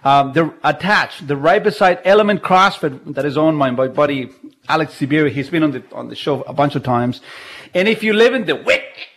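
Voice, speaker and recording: A man's voice: on the high side, lively intonation, moderate pace, fairly bright tone. A man hosting a live radio call-in show from his home, chatty and jokey, laughing often. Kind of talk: casual live radio talk. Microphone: video call.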